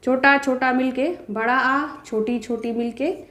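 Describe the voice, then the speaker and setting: A woman teaching a grammar lesson to students, asking the class questions and then answering them herself, and drawing out the example vowel sounds slowly. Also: high-pitched, fairly even intonation, a bit bright. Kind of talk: Hindi grammar lecture to students. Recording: roomy echo.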